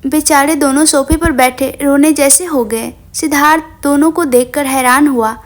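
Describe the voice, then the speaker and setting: A woman's voice: sits high, fairly even intonation, normal speed. A woman narrating an emotional story, reading it expressively as a storyteller.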